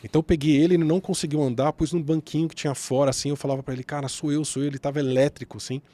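A man's voice: on the high side, steady tone, racing, dark tone. A Brazilian man, a podcast guest, vividly retelling a night's events and acting out the dialogue. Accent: Brazilian Portuguese. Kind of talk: storytelling in a podcast conversation.

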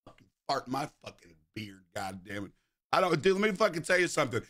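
A man livestreaming game commentary in a brash, animated frat-bro manner, swearing constantly and exclaiming. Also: a little high, fairly quick. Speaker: video game livestream host. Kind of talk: livestream gaming chat and commentary.

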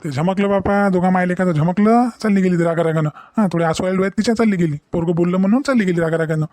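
A man's voice: high voice, very fast, a little mellow, dry recording, lightly acted. A man voicing an exasperated middle-aged village father in a cartoon. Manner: rambling, exasperated. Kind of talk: cartoon voice acting.

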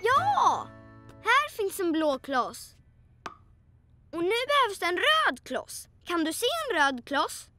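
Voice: extremely high pitch, wildly swooping pitch, sharp tone, full character voice. A child dubbing a curious, cheerful four-year-old tiger boy in a children's cartoon, eagerly asking the viewer questions. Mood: excited. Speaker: lead cartoon character. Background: children's music.

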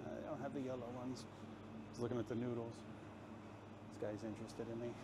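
Brisk and steady in a mid-range voice, this man narrates to his handheld camera as he walks a busy city street outdoors. He's a travel vlogger rambling casually and poking fun at himself, with traffic and street sounds clearly audible.

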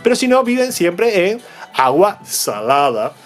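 A man's voice: high-pitched, sing-song, measured pace, soft background music. A man, unboxing toys and patiently explaining them to young viewers, checking in with them all the time. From Argentina. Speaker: toy unboxing vlogger.

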